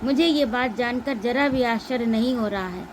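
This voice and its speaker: A woman's voice: fairly high pitch, normal speed, a little hiss or hum, lightly acted. A woman reading aloud as a timid, tearful young governess who speaks with a trembling voice. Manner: trembling, fearful, soft-spoken.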